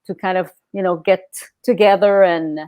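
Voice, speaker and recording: A woman's voice: on the low side, steady tone, moderate pace, no room sound, dull audio. A middle-aged woman from El Salvador, a guest speaking casually in an interview, with many fillers and restarts.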